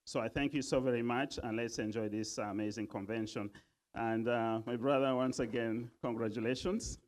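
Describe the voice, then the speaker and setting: A man from Uganda giving a formal speech at a business convention, pausing often with many fillers. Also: medium pitch, steady tone, a little mellow. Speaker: convention speaker.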